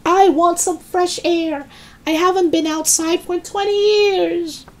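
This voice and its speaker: Screechy, gleeful old granny. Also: female voice, extremely high pitch, slow, pitched above the performer's own voice, heavily acted. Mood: defiant. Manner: exuberant shouting, imperious. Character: ancient scrawny grandma, screechy, gleeful and bossy. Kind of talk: children's storybook character voice.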